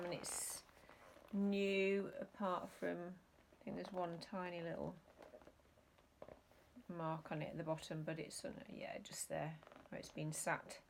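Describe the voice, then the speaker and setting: A woman's voice: lowish voice, steady tone, moderate pace, gravelly, a little hiss or hum. A woman chatting casually about her resale finds, rambling and hesitant with many ums. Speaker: reseller vlogger. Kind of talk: casual chat.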